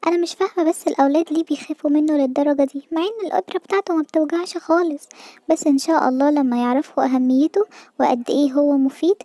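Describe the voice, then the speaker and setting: A reassuring cartoon lady doctor played by a woman with an Egyptian accent. Her voice is high but mellow, and she talks quickly. The recording is dry and close. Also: dry recording, lightly acted. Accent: Egyptian Arabic. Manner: gentle, encouraging. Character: kind female animal doctor, reassuring.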